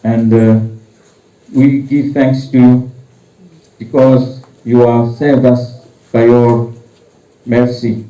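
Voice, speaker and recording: A man leading a church service, praying and announcing readings slowly with halting "uh" fillers, his voice ringing with cathedral echo. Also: mid-range voice, level tone, warm tone. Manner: slow, halting delivery with "uh" fillers. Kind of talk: liturgical prayer and scripture announcement. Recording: roomy church echo, dull lo-fi sound.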